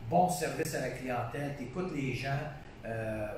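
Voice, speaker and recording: A Québécois-accented painter talks eagerly about his work in a casual conversational interview, repeating phrases and restarting often. His medium-pitched voice is unhurried and a little mellow. He sounds distant from the mic in a very echoey room, with a faint hiss underneath.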